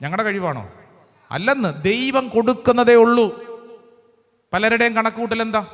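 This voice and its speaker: A man's voice: extremely high pitch, normal speed, a bit bright. A priest preaching a charismatic sermon, telling stories and leading his congregation in call-and-response prayer. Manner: storytelling, then rousing the congregation to clap and pray. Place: large church hall. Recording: long hall reverb.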